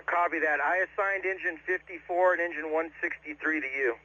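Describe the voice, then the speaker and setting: A man's voice: fairly high pitch, steady tone, brisk, sharp tone, highs cut off. A man dispatching fire crews in clipped radio procedure, heard over a scanner with other transmissions bleeding through. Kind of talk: terse radio procedure talk.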